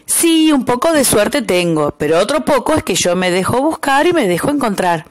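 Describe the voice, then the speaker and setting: Wise little louse, storybook, woman narrator doing it, lively lift. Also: a little high, normal speed, no echo, clean studio sound, pitched above the performer's own voice. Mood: calm, persuasive. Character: clever little male louse, calm and wise.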